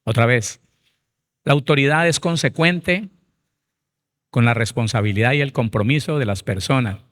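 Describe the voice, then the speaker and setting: A man's voice: mid-range voice, moderate pace, a bit bright. A man, a pastor preaching a Bible seminar who speaks emphatically and addresses his listeners directly.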